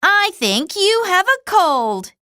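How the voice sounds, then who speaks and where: A woman voicing a calm, matter-of-fact cat doctor who gives a reassuring diagnosis in a storybook read-aloud. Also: very high-pitched, slow, full character voice.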